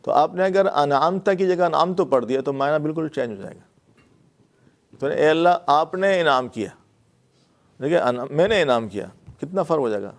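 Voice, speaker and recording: With a fairly high pitch and lively intonation, a man with a Pakistani Urdu accent teaches the Arabic grammar of the Quran in a classroom lecture. He explains patiently, repeating key words and using fillers.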